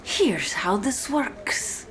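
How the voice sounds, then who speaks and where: A woman plays a cold, domineering female warden in an ASMR-style roleplay, addressing the listener directly in a deliberate, condescending monologue that dips into hushed whispers. Her medium-pitched voice is expressive and commanding. A faint hiss or hum sits in the background.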